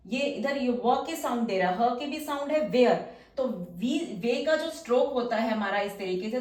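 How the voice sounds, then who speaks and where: Female shorthand tutor, slightly high voice, patient, stretches out key words, roomy sound from off-mic. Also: distant mic. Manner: slow, drawn-out model words between quick explanations. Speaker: shorthand teacher. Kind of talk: step-by-step lesson. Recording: echoey room, voice from off-mic.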